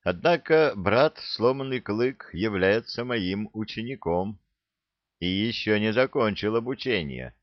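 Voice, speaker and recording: A composed young warrior, as a man acts him out, courteous and formal in his words. The low, slow voice is recorded close and dry, with a slightly muffled sound. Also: lively intonation, dry recording.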